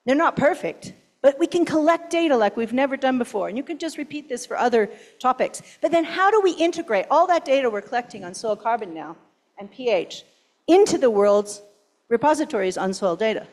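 A woman's voice: sits high, expressive, brisk, a little mellow. A woman giving a conference keynote and answering questions, emphatic and urgent, often posing rhetorical questions. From Pacific Northwest, US. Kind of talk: conference talk and Q&A.

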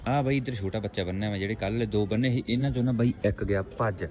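Fast and a little mellow, this pigeon keeper's voice is on the low side as he chats casually to viewers like mates. His rustic vlog is filmed outdoors on a home rooftop, and the muffled recording catches birds and noisy outdoor ambience.

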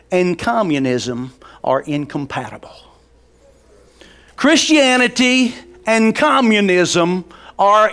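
Pastor guy, pretty high voice, headset mic, pacing the church stage, folksy preaching. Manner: folksy, calls on the congregation, rises to loud preaching; paces the stage, gesturing. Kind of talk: sermon. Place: large church sanctuary stage.

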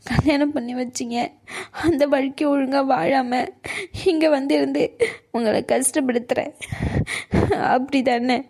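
A wounded young mother in a cartoon, with a high voice. She throws bitter, reproachful words at her family. The delivery stays proud and hurt. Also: fairly even intonation, unhurried, long pauses, darkish tone. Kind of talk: cartoon voice acting.

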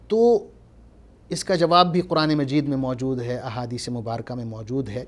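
A man with a Pakistani Urdu accent giving a measured religious lecture, stressing his points and reciting Arabic verses. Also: on the high side. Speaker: Islamic scholar.

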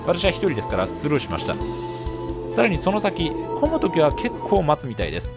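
Man, travel vlog narration, quick and animated delivery, chatty explainer, music underneath. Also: on the high side. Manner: chatty, explanatory, lightly joking asides. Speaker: travel vlogger.

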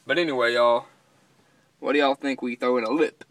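A man's voice: mid-range voice, fairly even intonation, a little fast, a bit bright, no echo. A young man talks casually, as if to friends watching his vlog. The sound is dry, recorded inside a truck cab. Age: young adult. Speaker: vlogger and dip reviewer. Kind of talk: casual chat.

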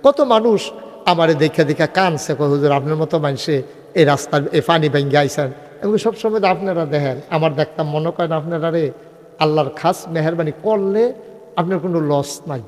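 A man's voice: fairly high pitch, moderate pace, a little mellow, long reverb tail. A man preaching a humorous sermon, telling stories and getting the crowd to call back responses. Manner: conversational, storytelling with dialogue. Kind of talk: humorous Islamic sermon at a religious gathering.

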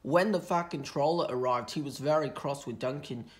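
A woman reading a children's storybook aloud in a steady, expressive way. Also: extremely low pitch, normal speed.

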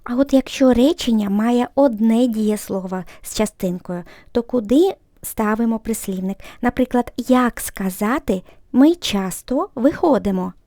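Woman teacher going over grammar, slow careful repeats, dry close sound. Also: on the high side, warm tone, no room sound. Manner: patient, repeats phrases slowly and clearly. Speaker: language teacher. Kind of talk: explaining grammar slowly, repeating example sentences.

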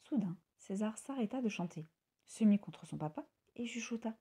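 A woman reading a children's story aloud in an expressive storybook manner. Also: medium pitch, moderate pace, breathy edge.

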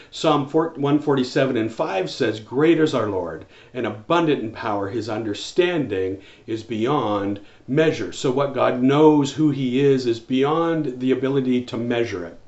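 A man's voice: mid-range voice, darkish tone. A man in his forties preaching a home church sermon to camera, earnest, with many restarts and fillers. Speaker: pastor. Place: small room with wall shelves, indoors. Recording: roomy, slightly dull sound.

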